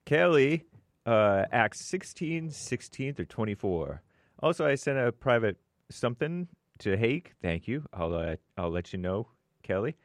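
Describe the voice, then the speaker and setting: A man's voice: mid-range voice, very animated, unhurried, no room sound, clean studio sound. A man co-hosting a show, reading viewer messages aloud in a plain, matter-of-fact way with small asides.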